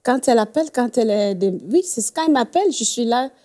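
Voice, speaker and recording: A woman's voice: on the high side, expressive, fast, warm tone. A woman guest on a faith talk show, telling a story earnestly and laughing often.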